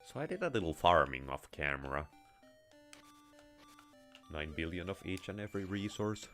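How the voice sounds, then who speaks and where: A Finnish let's play streamer offers casual, rambling gameplay commentary full of wry asides and offhand swearing. His accent is Finnish with American and slight Russian touches. His voice is low, animated and a bit bright at a moderate pace, with soft music in the background.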